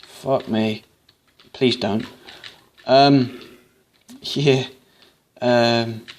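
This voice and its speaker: A man's voice: medium pitch, steady tone, extremely slow. A man giving rambling, foul-mouthed commentary over his game playthrough. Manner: swearing, rambling and joking. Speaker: gamer. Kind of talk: let's play commentary. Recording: noisy home recording.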